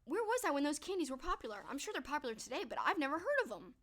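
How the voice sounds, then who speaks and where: A young woman streamer talks rapid-fire in a high, sing-song voice with a fairly bright tone. Answering viewers casually on her live stream, she's upbeat and peppers her speech with "like" and "um," though she's losing her voice and it's wearing thin.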